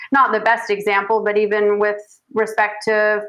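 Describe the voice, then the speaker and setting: A woman photojournalist from the United States answering interview questions in an earnest, measured way, with frequent restarts. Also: mid-range voice, completely flat delivery, fairly bright tone, rough recording. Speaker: guest photojournalist.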